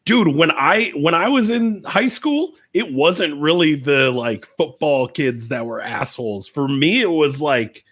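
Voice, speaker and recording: A man in his thirties from the American Midwest banters on a podcast in an animated, jokey way. His pitch swings widely and often jumps up high to make a point. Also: measured pace, hardly any pauses. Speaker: podcast co-host. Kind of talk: casual film review chat.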